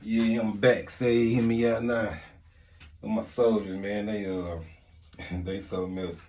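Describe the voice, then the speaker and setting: Deep-voiced man. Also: little pitch movement, unhurried, darkish tone. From Mississippi, United States. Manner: colloquial street slang, rambling and repetitive. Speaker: vlog host and storyteller. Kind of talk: casual storytelling chat.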